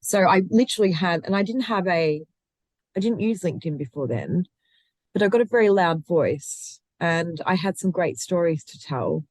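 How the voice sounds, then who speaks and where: Expressive and lowish, a woman speaks at a moderate pace with no room sound. She's a recruitment founder guesting on a conversational interview, passionate in delivery, prone to restarting sentences and easy laughter.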